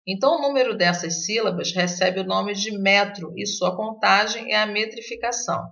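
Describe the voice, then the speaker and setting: Gravelly-voiced woman teaching literature. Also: medium pitch, moderate pace, a bit bright. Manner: hesitant, many fillers and restarts. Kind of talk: recorded online lesson. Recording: dull lo-fi recording.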